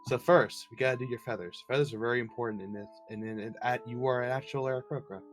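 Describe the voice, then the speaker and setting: A man's voice: medium pitch, fast talker, faint music behind, close to an everyday voice. A man voicing an upbeat, pushy big-sister adventurer who talks eagerly and bossily. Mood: eager bossy. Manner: eager, bossy, excitable.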